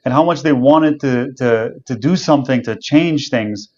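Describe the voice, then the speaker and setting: A man's voice: medium pitch, normal speed, darkish tone. A man from Canada answers interview questions about his path into politics. He speaks thoughtfully and conversationally, and the audio sounds a little dull. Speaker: election candidate being interviewed.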